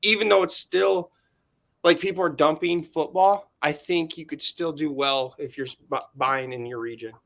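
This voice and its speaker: Bright-voiced man, easygoing podcast chat. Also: a little high, normal speed, gravelly. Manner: laid-back, laughs often. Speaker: podcast co-host. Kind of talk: casual chat.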